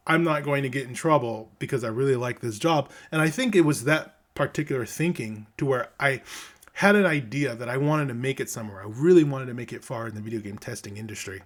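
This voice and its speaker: A man's voice: medium pitch, brisk, a bit bright. Man, middle-aged, casual storyteller, rambling, restarts a lot, plays out quoted lines. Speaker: vlogger telling a story from his game tester days.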